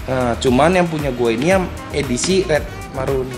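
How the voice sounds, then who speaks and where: A man's voice: medium pitch, normal speed. A young man with a Jakarta Indonesian accent, chatting casually and explaining things in slangy speech. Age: young adult. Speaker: helmet collector showing his collection. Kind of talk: casual chat. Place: semi-open room by a yard. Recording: echoey, music behind.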